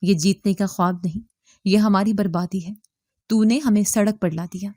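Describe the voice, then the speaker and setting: A woman's voice: mid-range voice, fairly even intonation, a little mellow, no room sound, studio quality, close to an everyday voice. A woman voicing an angry, stern middle-aged father in a spoken story, reading his lines in a harsh, scolding manner. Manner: scolding, bitter.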